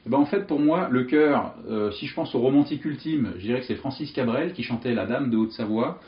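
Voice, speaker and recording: A man teaching memory techniques in an animated, jokey way, telling vivid picture stories. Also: medium pitch, brisk, echoey room, muffled recording. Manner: lively, animated, jokey storytelling with vivid images. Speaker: memory coach. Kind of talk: explanatory teaching monologue.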